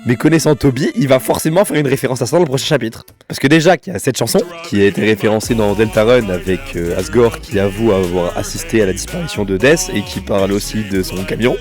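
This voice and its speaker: A man's voice: fast talker, hardly any pauses, darkish tone, faint music behind. A man doing casual, slangy video game commentary, exasperated and congested, his throat swollen from tonsillitis and his voice giving out. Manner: exasperated, slangy, swinging into high outbursts. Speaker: video host.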